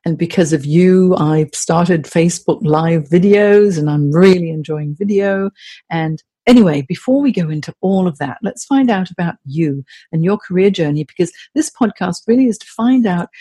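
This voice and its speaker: A woman's voice: fairly low pitch, expressive, normal speed, mellow, breathy edge. A woman hosting a podcast, presenting and interviewing in a conversational style. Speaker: podcast host.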